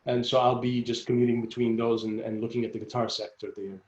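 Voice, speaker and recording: Guitarist guest, man around forty from Jordan, loose halting chat, roomy echoey sound. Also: mid-range voice, flat delivery, darkish tone, lo-fi sound. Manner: rambling, halting, frequent restarts and laughs. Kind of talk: casual interview chat. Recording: roomy echo.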